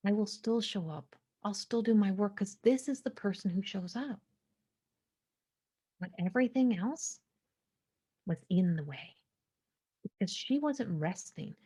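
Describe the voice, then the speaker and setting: A woman in her forties hosting a podcast, sharing a slow, introspective spiritual monologue that sometimes drops to a hushed whisper. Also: medium pitch, animated, husky. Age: 40s. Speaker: podcast host.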